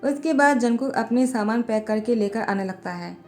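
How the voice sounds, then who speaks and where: Brief: woman storyteller with a fairly high, mellow voice and steady voiceover narration. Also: moderate pace. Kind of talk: fan fiction story voiceover. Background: faint background music.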